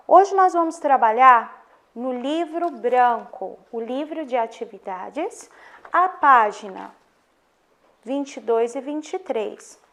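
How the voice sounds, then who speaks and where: A woman with a Brazilian accent, a primary school teacher giving a recorded lesson to young children, speaking slowly and stressing her intonation clearly. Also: high-pitched. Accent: Brazilian Portuguese.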